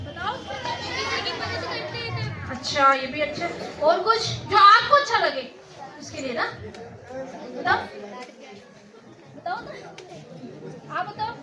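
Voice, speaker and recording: A woman's voice: extremely high pitch, very noisy. Woman trainer, coaxing, quizzes a crowd of children; distant echoey school recording. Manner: coaxing, asks children questions. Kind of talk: teaching schoolchildren.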